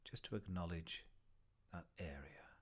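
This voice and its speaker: A man speaks in a low voice while leading a body scan meditation. He keeps things gentle and unhurried, and his short phrases, broken by long pauses, end on a soft breath.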